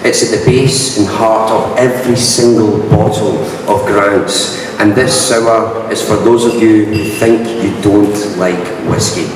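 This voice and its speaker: A man's voice: lowish voice, fairly even intonation, a little slow, few pauses. A man with a broad Scottish accent giving an informal, self-deprecating promotional speech as the host of a live event. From Scotland. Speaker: whisky brand ambassador, event host. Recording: echoey hall, distant mic, noisy room.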